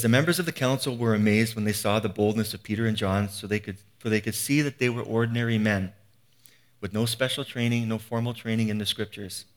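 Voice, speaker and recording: Earnest low-voiced man preaching. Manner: earnest, with frequent restarts and rhetorical questions. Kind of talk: conversational sermon.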